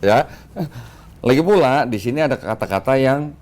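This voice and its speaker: Brief: male talk-show host, easy laughs, slow deliberate reading. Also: medium pitch, a little mellow, slight background noise. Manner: laughs often, reads verses slowly. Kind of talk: casual talk-show conversation.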